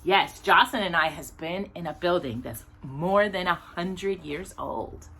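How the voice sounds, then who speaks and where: This recording, with a little hiss or hum, captures a storytime host from Texas, United States, reading a nonfiction children's book. Her lowish voice is fairly bright and measured in pace. She adds chatty, informal asides and stumbles on longer words.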